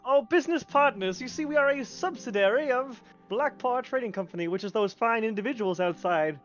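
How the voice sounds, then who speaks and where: A man's voice: extremely high pitch, animated, a little fast, lo-fi sound, soft background music. A man voicing a flamboyant, pompous cat merchant in the manner of a smug mustache-twirling villain. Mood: grandly welcoming.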